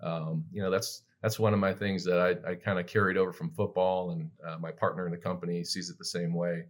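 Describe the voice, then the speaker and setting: Man with a very deep voice, plain-spoken and earnest, casual chat. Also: little pitch movement, brisk. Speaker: guest business owner.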